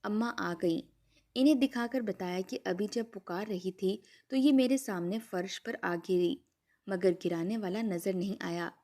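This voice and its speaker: A woman reading a first-person story aloud in a steady, earnest storytelling manner. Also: medium pitch.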